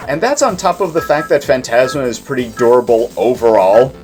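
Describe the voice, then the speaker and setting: A man's voice: medium pitch, lively intonation, a little fast, darkish tone, soft background music. A man giving explanatory gameplay commentary, putting emphasis on key words as he plays. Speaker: game player and commentator.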